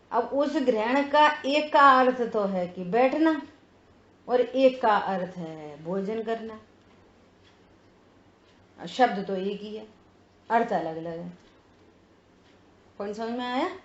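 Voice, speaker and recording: A woman leading a religious text study class. She explains step by step and keeps checking that listeners follow. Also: fairly high pitch. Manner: reads sutra phrases word by word. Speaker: scripture study teacher. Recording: roomy, dull lo-fi sound.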